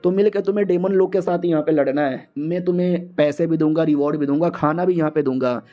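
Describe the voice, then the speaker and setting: A man's voice: on the high side, quick pace, soft background music, natural voice. A man voicing a confident, bossy young male martial arts hero in a casual, commanding tone. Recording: muffled lo-fi audio.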